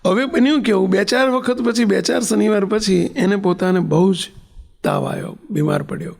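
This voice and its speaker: A male preacher delivers a sermon, telling a story and pressing his listeners with questions. His voice is high-pitched with a gravelly rasp. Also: normal speed, darkish tone. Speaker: spiritual leader giving a discourse.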